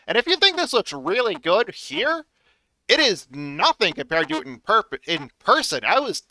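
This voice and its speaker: A man streaming casual reaction commentary in an animated, exclamatory and emphatic way. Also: high-pitched, no room sound.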